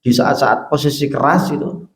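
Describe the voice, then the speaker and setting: A man with a Javanese Indonesian accent preaching a mosque sermon. He talks animatedly, jumping high for questions and dropping soft and low for hushed examples. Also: fairly even intonation, normal speed. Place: mosque hall. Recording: echoey mosque hall.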